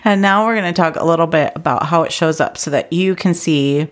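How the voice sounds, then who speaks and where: A woman's voice: low voice, fairly quick. A middle-aged woman hosting a solo podcast for travel agents, talking earnestly and with growing intensity before reining herself in. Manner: earnest and animated, gets intense then reins herself in. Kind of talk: casual solo podcast talk.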